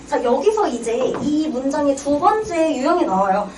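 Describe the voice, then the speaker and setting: A woman's voice: high voice, sing-song, moderate pace. A young woman giving an exam-prep reading lecture, quizzing her students and answering her own questions. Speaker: Korean reading tutor. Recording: roomy, distant mic with clear background noise.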